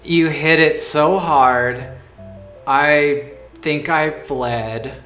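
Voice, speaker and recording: A man's voice: a little high, steady tone, extremely slow, pushed and bright, full character voice. A man doing a dopey, bellowing cartoon giant. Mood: dim, aggrieved. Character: dopey, hungry, rhyming giant, big and bellowing. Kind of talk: tabletop game character voice. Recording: echoey room, faint music behind.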